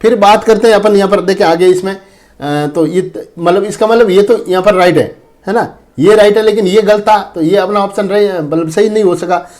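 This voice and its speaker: A man teaching exam prep in a fairly high voice. He goes through each point slowly and repeats himself, calling the viewers friends and brother. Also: darkish tone. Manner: repetitive, addresses viewers as friends and brother, often says "dekhen". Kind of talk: exam-prep lesson on Hindi spelling.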